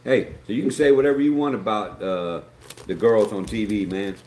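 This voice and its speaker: A middle-aged man with an Appalachian American accent, from West Virginia, hosts a live stream at a moderate pace. His voice sits on the low side with a darkish tone as he rambles folksily and reads viewer comments aloud, in an echoey room with faint background noise.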